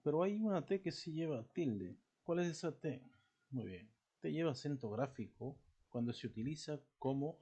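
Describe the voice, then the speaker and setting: Husky-voiced man teaching a grammar lesson. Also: medium pitch, dark tone. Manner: explanatory, checks in with rhetorical questions. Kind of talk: recorded language lesson.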